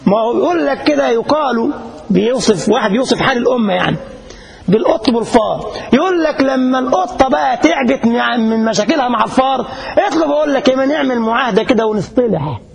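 A man's voice: very high voice, expressive, fast talker, creaky, a crowd in the background. A middle-aged man with an Egyptian Arabic accent, preaching a sermon, telling stories and asking the congregation rhetorical questions with emphasis. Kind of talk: mosque sermon with storytelling.

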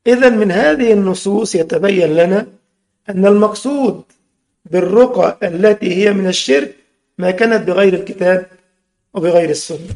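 Egyptian male religious teacher, gravelly voice, mixes formal and colloquial speech. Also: sits high, fairly quick, darkish tone. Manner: switches between formal Arabic and colloquial, quizzing listeners. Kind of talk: religious lesson.

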